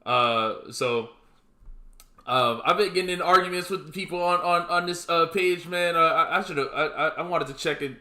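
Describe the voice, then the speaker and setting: Dude cohosting a podcast, kinda high bright voice, keeps restarting himself, echoey room. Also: male voice, normal speed. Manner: rambling, restarts often, ends lines with "man". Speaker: podcast co-host. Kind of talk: casual podcast chat.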